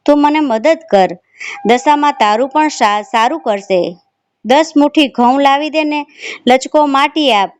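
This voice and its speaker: A woman reads a devotional folk tale aloud in a steady, storytelling way. Her voice sits high. She carries the characters' lines inside her own narration. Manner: steady storytelling with quoted speech.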